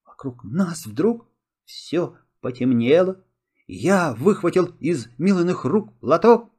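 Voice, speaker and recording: Male storyteller for a kids' filmstrip, high, lively pitch, unhurried. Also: breathy edge. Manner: expressive, first-person storyteller. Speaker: narrator. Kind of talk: storybook narration.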